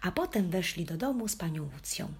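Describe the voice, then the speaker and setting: A woman's voice: fairly low pitch, very animated, a little fast, a little mellow, slightly rough. A woman reading a children's story aloud in the first person as a playful puppy, with a wry storytelling manner. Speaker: audiobook reader.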